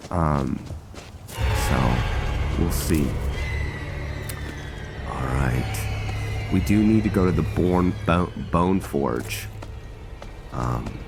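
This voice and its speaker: A man's voice: extremely low pitch, expressive, extremely slow, vocal fry, pauses often, music in the background. A man giving casual let's-play commentary on a role-play game, thinking aloud in rambling, broken-off phrases. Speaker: gameplay host.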